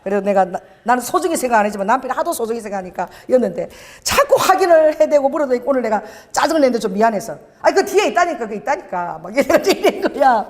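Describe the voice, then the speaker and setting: A middle-aged female pastor, her voice on the high side and her delivery rapid-fire, shares a personal story about her husband during a sermon. She acts out the dialogue with frequent laughter in lively storytelling fashion. The church hall leaves a long reverb tail.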